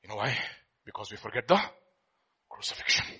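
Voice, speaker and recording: High, animated Indian male preacher. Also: moderate pace, husky. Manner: emphatic, rhetorical questions and repetition. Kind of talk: impassioned sermon with scripture quotes and questions to congregation.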